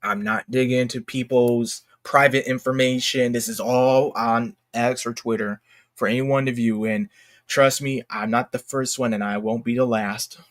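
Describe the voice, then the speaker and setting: An American man hosts an online video, reading posts aloud in casual, unscripted commentary. He talks to viewers as "y'all" in a halting, repetitive, slangy manner, with a medium pitch and a steady tone.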